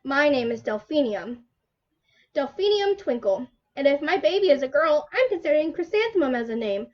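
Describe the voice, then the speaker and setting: A woman's voice: sits high, sing-song, moderate pace. A woman voicing a composed, gracious female music teacher in a children's storybook. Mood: composed, reassuring. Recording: dull lo-fi livestream audio.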